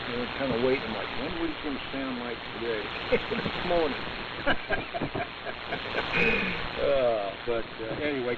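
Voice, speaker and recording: A man running a radio net, heard over AM radio with heavy static hiss, chatting in a relaxed way with many fillers. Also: mid-range voice. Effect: received over AM radio, with heavy static hiss. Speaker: radio net control operator. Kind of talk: casual on-air chat. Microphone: radio transmitter. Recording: muffled AM radio with loud static.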